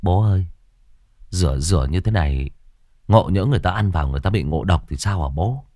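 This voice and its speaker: A man voicing a squeamish, anxious teenage son who talks quickly. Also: sits low, animated, warm tone, dry recording, studio quality.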